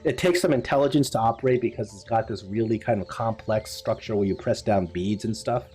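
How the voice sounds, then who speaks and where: A man's voice: on the low side, brisk, a little mellow, faint music behind. A man acting as game master, casually explaining and narrating a tabletop game.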